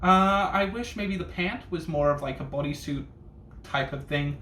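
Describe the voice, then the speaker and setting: Here a man reacts casually while hosting a ranking video as a reviewer, his voice a little high, bright and pushed, moving at a moderate pace. He leans into a sassy, bitchy drag-queen manner full of camp slang and cursing. Faint noise sits under an echoey room sound.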